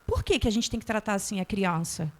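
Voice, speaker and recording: Animated Brazilian woman addressing an audience. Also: medium pitch, fairly quick. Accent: Brazilian Portuguese. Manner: animated, questions the audience directly. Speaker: guest speaker. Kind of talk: talk to an audience.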